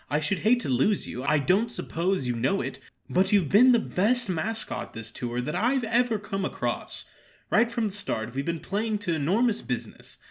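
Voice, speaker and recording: For an audio drama, a man with a fairly high-pitched voice plays a breezy, cajoling theatrical character. His delivery is emphatic, teasing, and persistent.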